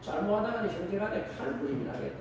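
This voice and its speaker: A man voicing a scheming mother in a retold Bible story, urgent and hushed. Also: sits high, lively intonation, fast, slight background noise. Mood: worried. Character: scheming mother urging her favored son. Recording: echoey church hall, distant mic.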